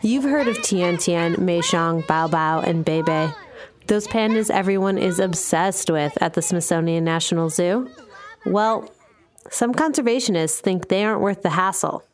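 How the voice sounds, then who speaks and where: A woman's voice: lowish voice, moderate pace. A woman giving scripted, conversational podcast narration.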